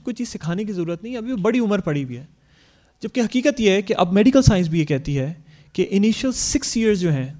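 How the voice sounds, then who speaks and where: A man with a notably high-pitched voice talks earnestly to parents about bringing up young children. He explains point by point and often slips English words into his sentences. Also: a little mellow. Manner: acts out parents' quoted lines. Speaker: speaker on Islamic parenting. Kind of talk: advice talk to parents.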